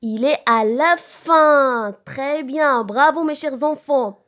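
A preschool teacher with a Moroccan French accent records a lesson for young children, spelling out letters one at a time in a slow, sing-song manner. Her voice sits high, and the audio is dull.

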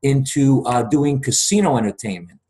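A man's voice: mid-range voice, moderate pace, mellow. Earnest talkative man in his forties. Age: 40s. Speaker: guest. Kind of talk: casual video call chat. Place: home room. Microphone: video call webcam.

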